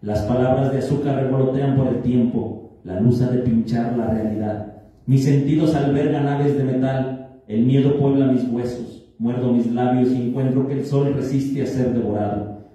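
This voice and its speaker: Male poet reads his verse; deep-toned and mellow; roomy, distant recording. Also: steady tone, normal speed. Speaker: poet reading his own poem. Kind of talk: poetry reading. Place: reading event in a hall. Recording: echoey hall from far off.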